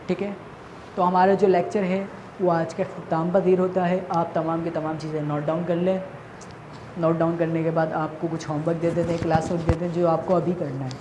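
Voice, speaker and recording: Woman teacher, Pakistani Urdu accent, lowish voice, asks and answers her own questions, faint hiss behind. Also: a little mellow. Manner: asks questions and answers them herself, repeats key points. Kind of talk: recorded class lesson for children. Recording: faint background noise.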